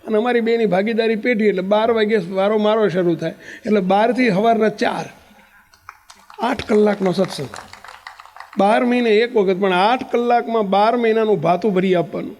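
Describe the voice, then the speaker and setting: A man, a monk and spiritual leader, giving a storytelling sermon in a lively way and acting out the people in his story. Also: high-pitched, normal speed, in a large hall.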